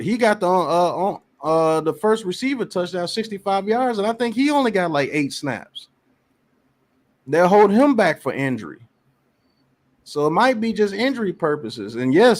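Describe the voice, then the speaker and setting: A high-pitched man speaking at a moderate pace hosts a casual sports podcast. Reading chat comments aloud, he argues his points animatedly and with emphasis, repeating phrases.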